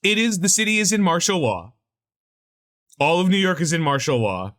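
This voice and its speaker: Podcast co-host, male, bright and sharp tone, lively sarcastic ranter who swears freely. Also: high voice, moderate pace. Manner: animated, swearing, ranting with sarcasm. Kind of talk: casual pop-culture chat.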